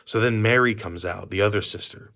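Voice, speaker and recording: A man leading a youth group with an informal devotional talk, speaking from memory in a conversational way, recorded on a phone in a quiet workplace. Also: on the low side, fairly quick, creaky.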